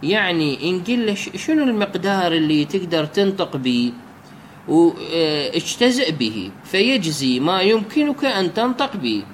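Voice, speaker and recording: A man lectures on a religious law text, working through each point by asking a question and then answering it. His voice sits high and swings widely in pitch. A faint hiss runs under the recording. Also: very animated, normal speed. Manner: explains step by step with rhetorical questions, restarts words. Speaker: religious teacher explaining a jurisprudence text. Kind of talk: colloquial Arabic lecture on a classical text.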